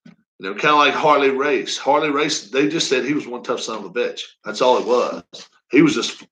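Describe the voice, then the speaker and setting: A man's voice: medium pitch, a little fast, fairly bright tone, low-quality recording. A man in his fifties chatting casually on a live stream, rambling and folksy with frequent chuckles. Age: 50s. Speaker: racing league streamer.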